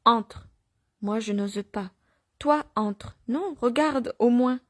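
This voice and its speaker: A woman's voice: fairly high pitch, slow, no echo, clean studio sound. A woman reading a timid, coaxing shepherd. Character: timid male shepherd urging a boy forward.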